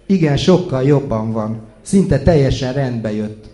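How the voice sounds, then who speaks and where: A man reading out a tipsy, boastful man who fixes wiring, shouting loudly and excitedly. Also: mid-range voice, close to an everyday voice. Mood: boisterous. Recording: echoey room.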